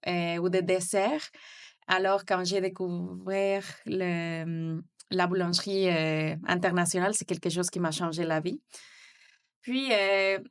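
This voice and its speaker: A woman's voice: on the low side, steady tone, measured pace, smooth. Woman, hesitant. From Mexico City, Mexico. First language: Spanish. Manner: hesitant, many fillers and restarts. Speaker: guest, bakery founder. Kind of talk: interview, casual conversation.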